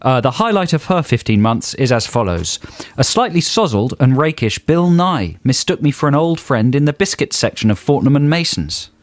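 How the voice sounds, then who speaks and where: A man's voice: medium pitch, very animated, normal speed, dry recording. A man co-hosting a radio show, joking around with hammy emphasis while reading listener emails. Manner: jokey, laughs a lot, hammy emphasis. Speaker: radio co-host. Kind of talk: playful studio banter, reading listener emails. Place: radio studio. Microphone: studio microphone.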